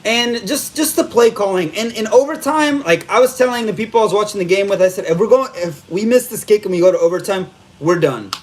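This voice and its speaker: Talking into a phone camera held upright, a male live stream fan host rants with exasperation after the game. His high voice is brisk with lively intonation, and he keeps repeating rhetorical questions.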